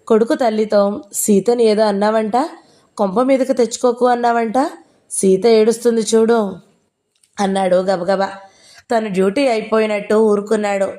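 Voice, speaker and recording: A woman's voice: medium pitch, mellow. A woman narrating an audio novel, reading the dialogue in her own plain storytelling voice.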